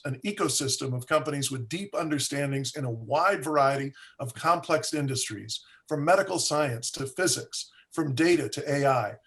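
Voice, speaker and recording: Higher-voiced man giving a formal introduction. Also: fairly bright tone. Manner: formal, reads a list of titles. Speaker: host introducing speaker.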